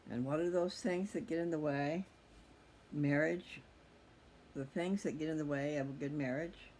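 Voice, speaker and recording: In a rambling, reflective monologue, a middle-aged personal video channel host addresses his listeners casually and candidly. His mid-range voice has a darkish tone, and noise can clearly be heard in the background.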